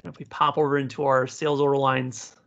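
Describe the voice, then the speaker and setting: A man giving an informal live software tutorial, speaking to learners directly and encouragingly as their instructor. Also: mid-range voice, level tone, fast talker, gravelly, highs cut off. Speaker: software instructor, community presenter.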